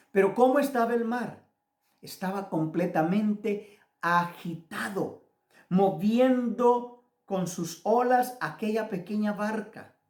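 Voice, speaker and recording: Male pastor, Guatemalan accent, slow and deliberate sermon delivery that speaks straight to the listener, recorded in an echoey room. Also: high-pitched, darkish tone. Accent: Guatemalan Spanish. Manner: deliberate, addresses listener directly. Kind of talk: devotional sermon.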